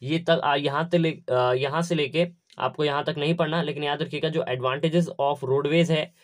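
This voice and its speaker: Young male teacher, a bit high-pitched, methodical and repetitive delivery. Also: fairly even intonation, normal speed. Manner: instructive, repetitive, step by step. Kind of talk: syllabus walkthrough lesson.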